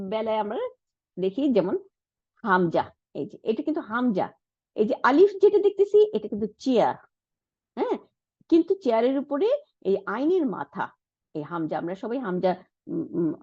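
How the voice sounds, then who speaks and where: A woman's voice: fairly high pitch, darkish tone, dry recording. A woman teaching Arabic reading for the Quran step by step, often checking in with her listeners. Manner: explains step by step, often asks "isn't it?"; frequent hums and restarts. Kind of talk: online Quran Arabic lesson. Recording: dry, dull lo-fi sound.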